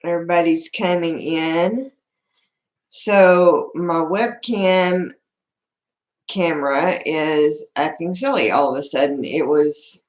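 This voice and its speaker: A woman with a Southern US accent chatting casually and folksily as the host of a home livestream. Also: sits low. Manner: folksy, informal. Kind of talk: casual live-stream chat, greeting viewers. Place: indoor room at home. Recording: echoey room, laptop livestream.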